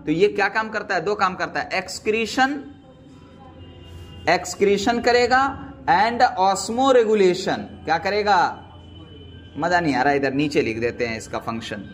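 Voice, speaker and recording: High-voiced male biology teacher. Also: moderate pace, fairly bright tone. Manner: quizzing students with repeated questions; calls students "beta" affectionately. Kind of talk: classroom lecture.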